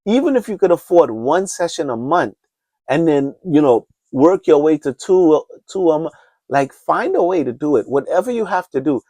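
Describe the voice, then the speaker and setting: Warm-toned and a little high, the voice of this podcast host moves at a moderate pace with a sing-song lilt, recorded dry. He is a man in his 50s from Trinidad and Tobago, talking unscripted by himself, earnest and rambling, restarting often and urging listeners on like a preacher.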